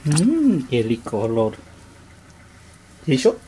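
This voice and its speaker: Man, non-native Spanish, slow and searching for words, home cook, noisy background. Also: mid-range voice, wildly swooping pitch, mellow. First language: Japanese. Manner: halting broken Spanish, searching for words and apologizing. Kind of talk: casual cooking demonstration. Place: home kitchen.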